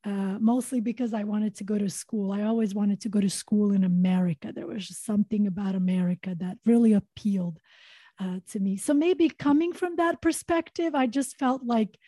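A woman's voice: medium pitch, normal speed, mellow, no room sound. A woman from Montenegro, a podcast guest, talking earnestly in a reflective interview with many fillers and repeated words.

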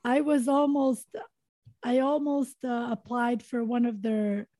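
A woman's voice: a little high, level tone, slow pace, mellow, no echo. A woman from Montenegro, a podcast guest, talking earnestly in a reflective interview with many fillers and repeated words.

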